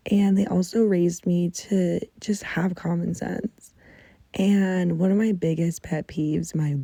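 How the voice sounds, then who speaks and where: A woman's voice: lowish voice, vocal fry, mellow, dry recording. A young woman hosting a casual podcast from her bedroom, chatting and ranting in exasperation and swearing freely, recorded under a blanket. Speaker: podcast host. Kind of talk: casual chat. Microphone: muffled under a blanket.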